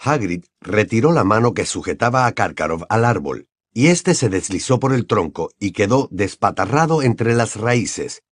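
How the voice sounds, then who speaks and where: A man's voice: fairly low pitch, normal speed, no room sound, clean studio sound. A man narrating an audiobook expressively. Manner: expressive storytelling.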